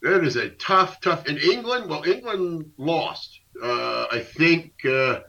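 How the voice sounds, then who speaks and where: This man talks with a raspy, gravelly edge and a bright, forceful tone, pitched a little high for a man. He rants about sports on a talk radio show, animated and indignant. The sound is dull and lo-fi. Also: slow pace. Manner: animated, indignant, rambling with laughs. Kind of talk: casual sports rant.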